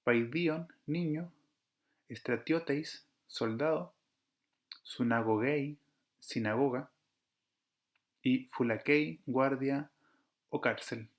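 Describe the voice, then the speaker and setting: A man's voice: medium pitch, drawn-out words, pauses often. A man teaching an online Greek grammar lesson, explaining patiently step by step, correcting himself now and then and checking with his students. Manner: addresses students directly, asks rhetorical checks.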